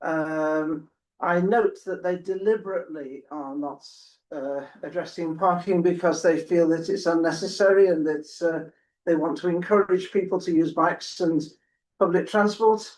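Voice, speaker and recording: A man speaking as a town councillor in a committee meeting, measured and somewhat apologetic, with restarts. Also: on the high side, darkish tone, recorded from a distance.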